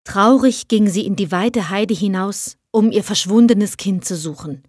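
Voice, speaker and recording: A woman, an audiobook reader, narrating a fairy tale in a measured, expressive reading. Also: medium pitch, breathy edge, no room sound, clean studio sound. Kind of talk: storybook narration.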